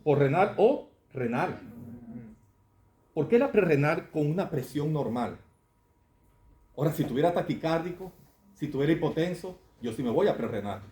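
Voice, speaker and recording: A man's voice: fairly high pitch, lively intonation, a little fast, a little mellow. A man lecturing medical students on clinical cases, conversational and often asking the class questions. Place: lecture hall. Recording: echoey classroom, faint room noise.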